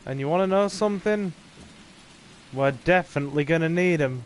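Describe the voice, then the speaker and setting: Talking at normal speed in a voice on the high side, an English gaming streamer commentates a horror game, with a little hiss or hum in the audio. He has an English accent and chats casually with his viewers as he goes.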